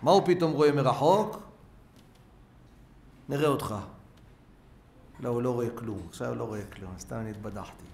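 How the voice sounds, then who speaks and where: A man, a rabbi, giving a sermon full of acted-out stories, swinging between loud cries and hushed asides. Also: mid-range voice, lively intonation, creaky, hardly any pauses. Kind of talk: sermon with storytelling. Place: synagogue hall. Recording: roomy synagogue sound with faint noise.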